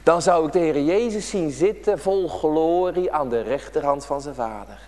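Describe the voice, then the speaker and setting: A man's voice: a little high, moderate pace, warm tone, long reverb tail. A man preaching an emphatic, repetitive prayer-day sermon to children in a church. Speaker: pastor.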